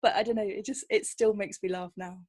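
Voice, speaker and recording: Quick and steady, with a medium pitch that's a little mellow and breathy, a female kinesiologist chats as an interview guest. She relaxes into stories and frequently imitates the voices of those she's quoting.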